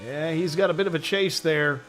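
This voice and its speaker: Excitable high-voiced male race commentator. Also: slight background noise. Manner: excitable, quick to exclaim at incidents. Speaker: play-by-play commentator. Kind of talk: sim racing commentary.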